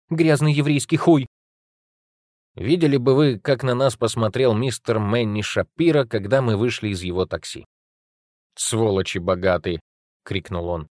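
A male narrator reading a first-person novel aloud in a wry, agitated, confessional tone. His voice sits at an ordinary middle pitch, recorded very dry and close. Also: darkish tone, no echo. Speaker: audiobook narrator.

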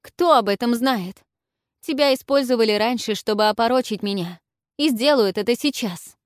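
A woman's voice: mid-range voice, animated, moderate pace, darkish tone, no echo, clean studio sound, close to an everyday voice. A woman voicing an anxious, proud young princess who speaks with tense urgency in a storybook reading. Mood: agitated.

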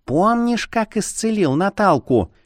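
Man doing a squeaky mosquito wife. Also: big pitch swings, unhurried, no room sound, studio quality. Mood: urgent. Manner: squeaky, urgent whispering at the ear.

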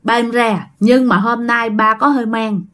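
Woman, Southern Vietnamese accent, slightly high voice, chatty casual ghost storyteller who talks to her audience. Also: steady tone, moderate pace, fairly bright tone. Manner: chatty, addresses listeners directly.

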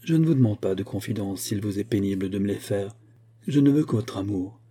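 A gentle, earnest young woman from a storybook, pleading softly with her father, as a male narrator reads her part. The voice is dark and husky, kept low and tender rather than lifted high. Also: expressive, fairly quick.

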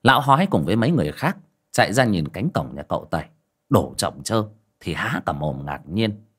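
A male narrator reads a folksy audio story. His husky voice moves up and down freely as he tells it with vivid sound words. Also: deep voice, sing-song, a little fast, fairly bright tone.

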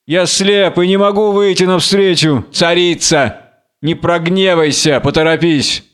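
Guy acting out a blind furious strongman, yelling high and loud, smooth clear voice, wild taunting storybook delivery. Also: steady tone, a little slow. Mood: exalted taunting. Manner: wild, exalted, taunting declamation. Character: blind raging biblical strongman Samson, man. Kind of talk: theatrical audiobook reading.

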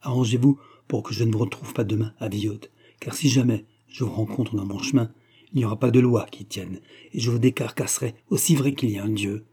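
Man reading rugged hunter husband, stern, threatening, low dark voice. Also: fairly even intonation, a little fast, husky. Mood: coldly threatening.

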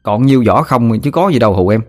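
A man's voice: medium pitch, lively intonation, fast, a little mellow, faint music behind, pitched above the performer's own voice, natural voice. A man with a Southern Vietnamese accent voicing a young village boy who pouts, whines and boasts. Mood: boastful. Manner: pouting, whiny, cocky.

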